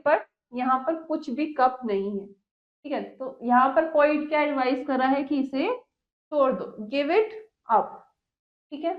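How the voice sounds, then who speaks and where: A woman teacher explaining an English poem line by line. She reads the English lines slowly and explains them more quickly. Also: high-pitched. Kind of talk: classroom lesson explaining a poem. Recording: echoey room, dull lo-fi sound.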